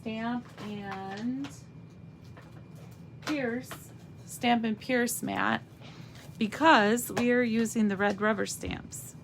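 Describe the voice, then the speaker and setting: A woman with a medium-pitched, slightly raspy voice gives a slow, chatty live craft demo, thinking aloud as she stamps and colors. There's slight background noise.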